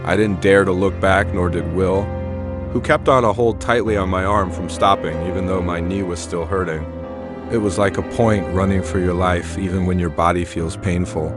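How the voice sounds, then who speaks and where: A man narrating a first-person horror story in a steady, plain recounting manner. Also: deep voice, normal speed, music in the background.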